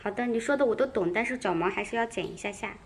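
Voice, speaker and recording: A woman's voice: mid-range voice, fast talker. A woman talking to her pet cat at home in coaxing baby talk, scolding it playfully. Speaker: cat owner vlogger. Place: home, indoors.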